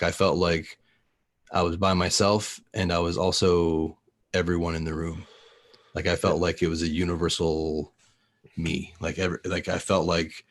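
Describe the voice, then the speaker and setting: A man co-hosting a podcast, speaking reflectively in casual chat and searching for his words. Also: low voice. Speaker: podcast co-host.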